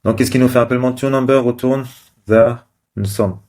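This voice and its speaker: A man's voice: mid-range voice, fairly even intonation, moderate pace, a little mellow. A man casually talking through code on screen, thinking aloud with many fillers and restarts. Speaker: developer live-coding host. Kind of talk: casual screen-share commentary.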